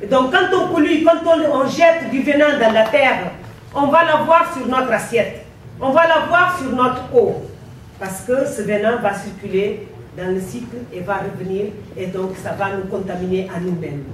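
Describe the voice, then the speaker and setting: A woman from Guinea-Bissau with a foreign accent in her French, giving a conference talk in a deliberate, emphatic way with repeated phrases. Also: on the high side. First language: not French. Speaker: conference presenter. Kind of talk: impassioned public talk in French as a second language. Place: indoor conference room. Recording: very echoey hall, distant mic, faint noise.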